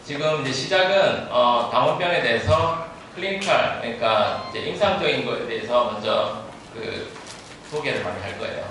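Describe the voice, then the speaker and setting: A man interpreting consecutively at a medical lecture, speaking haltingly, restarting phrases and dropping English terms into his sentences. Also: mid-range voice, expressive, bright, forceful tone. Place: large echoing room at a talk. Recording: very echoey room, distant mic, faint noise.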